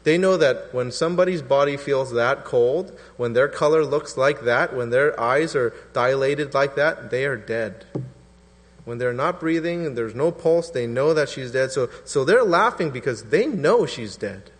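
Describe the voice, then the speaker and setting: Pastor, man in his thirties, chatty sermon delivery, puts on voices for quotes, mid-pitched, long church reverb. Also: lively intonation, a little slow. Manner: conversational preaching, acting out quotes in voices. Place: church hall.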